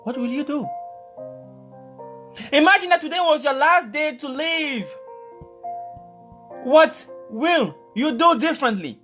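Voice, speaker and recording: A man with a strikingly high voice delivers a motivational talk straight to the listener. He is emphatic, circles back to repeat his key lines, and dramatizes little scenes with playful exclamations. Faint music plays underneath. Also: lively intonation, takes it slowly, pauses often, bright, forceful tone. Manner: playful, acts out scenarios with exclamations. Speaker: motivational speaker.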